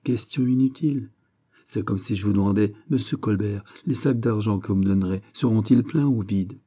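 A haughty, scheming duchess, read by a man in an audiobook, teasing and bargaining with a cool edge. The voice underneath stays very dark and mellow, lifted only a little toward a lady's register. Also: lowish voice, normal speed, lightly acted. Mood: sly. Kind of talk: audiobook character reading.

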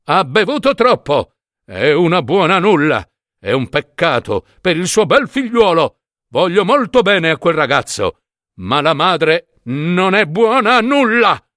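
A man's voice: high-pitched, big pitch swings, unhurried, bright, forceful tone, no room sound, studio quality, voice pushed up, exaggerated voice. Man playing a scornful haughty judge. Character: haughty middle-aged male judge, dismissive.

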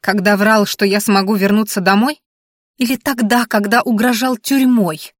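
A woman voicing an indignant, sharp-tongued young woman who keeps accusing and shouting. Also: mid-range voice, lively intonation, measured pace, no echo, studio quality.

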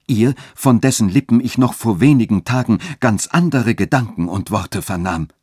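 A man's voice: on the low side, moderate pace, husky, dry recording, clean studio sound, pitched above the performer's own voice. A man voicing a proud, defiant young widow. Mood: cold firm. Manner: calm, cold and firm. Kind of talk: literary reading.

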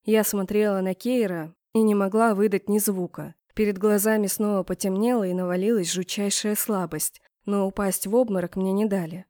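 A woman narrating a first-person novel as an audiobook, in a mid-range voice. Her telling is even and steady, rising where the tension builds. The recording is dry and close, with no room behind it. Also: mid-range voice, moderate pace, few pauses, dry recording.

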